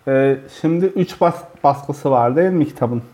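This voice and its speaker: A man conducting a casual literary interview in a halting way, pausing mid-phrase. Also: mid-range voice, dark tone.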